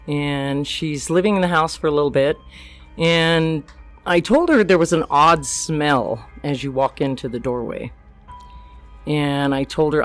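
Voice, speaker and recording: An older woman, a grandmother, telling a true story as a podcast guest, plainly acting out the quoted lines. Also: low voice.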